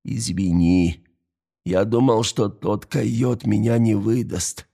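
A man's voice: lowish voice, takes it slowly, creaky, mellow, husky, exaggerated voice. A man voicing a beaten, loyal young man in an audiobook, with a strained, pained voice. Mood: hurting.

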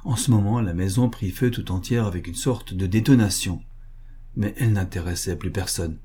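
A man reading a literary short story aloud in a measured, even storytelling manner. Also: low-pitched, slightly rough. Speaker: audiobook narrator. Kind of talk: scripted literary narration.

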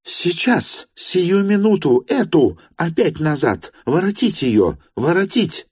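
A man doing a shrill, imperious noblewoman. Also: very animated, slow pace, husky, dry recording, clean studio sound, exaggerated voice. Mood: frantic. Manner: shrill, commanding, frantic. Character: imperious agitated older noblewoman. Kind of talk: audiobook character voice.

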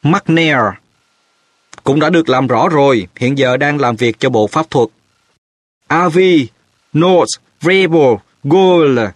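Man doing a desperate teenage boy shouting. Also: fairly high pitch, takes it slowly, no echo, pitched above the performer's own voice. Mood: insistent. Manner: shouting, urgent.

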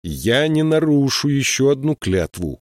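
A man voicing a small, stubborn male troll who calmly holds to his oath in an audiobook. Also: mid-range voice, a little slow, no room sound, clean studio sound, voice pushed up. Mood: firm. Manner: calm, firm, quietly resolute.

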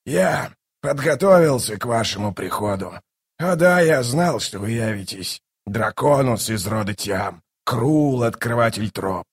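A man's voice: medium pitch, expressive, unhurried, breathy edge. A man voicing a scornful ancient tyrant king in an audiobook, mocking and boastful. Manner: mocking, boastful, erupts into shouting. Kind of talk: audiobook character voice.

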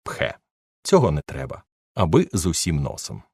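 A man's voice: a bass voice, huge pitch swings, normal speed, creaky, a little mellow, slightly rough, no echo, clean studio sound, heavily acted. A man voicing a gushing, fussy society duchess who coaxes and coos. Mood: coaxing.

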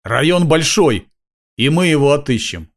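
A man's voice: a little high, animated, moderate pace, voice pushed up, lightly acted. Man doing a curt bossy older corporate man. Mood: impatient. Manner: curt, commanding.

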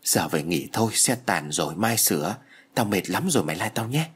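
A man's voice: low voice, animated, a little fast, exaggerated voice. A man voicing his reckless young friend in an audiobook story. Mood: shaken. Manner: rough, swaggering, later shaken.

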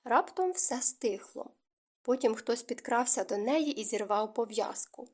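A woman narrating a historical romance audiobook in a smooth, even storytelling manner. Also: on the high side, a little slow. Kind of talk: scripted narration.

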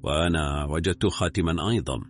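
A man voicing a calm young man who speaks low and measured. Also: faint music behind.

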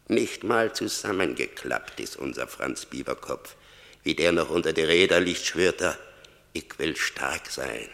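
An actor playing Death in a German radio play, a stern, merciless grim reaper scolding and commanding. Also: male voice, fairly bright tone, heavily acted. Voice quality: gravelly, very deep. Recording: long cavernous reverb.

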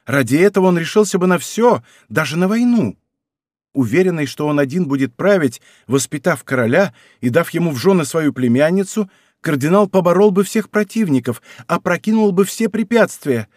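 A man's voice: fairly high pitch, animated, normal speed, no room sound, studio quality. A man voicing an impassioned young noblewoman who pleads with her royal lover in an audiobook. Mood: urgent. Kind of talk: audiobook character reading.

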